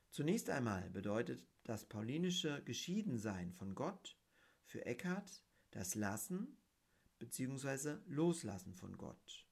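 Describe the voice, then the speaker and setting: A man giving a reflective spiritual talk on mysticism, speaking in a measured, deliberate way and reading quotations aloud. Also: mid-range voice, vocal fry, slightly rough. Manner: measured and deliberate, stressing key words.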